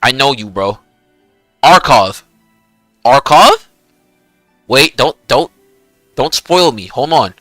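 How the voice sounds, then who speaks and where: Animated young gamer-bro guy streaming. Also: medium pitch, unhurried, dry recording, studio quality, faint music behind. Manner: hyped gamer-bro slang, swearing, peppering talk with "bro" and "dude". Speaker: game streamer. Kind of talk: casual livestream chat and gaming commentary.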